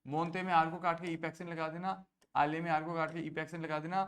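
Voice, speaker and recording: A man's voice: on the high side, little pitch movement, fast talker, a bit bright. A male French teacher, patiently explaining verb forms in a mix of Hindi and English and checking often that everyone follows. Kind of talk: online class teaching.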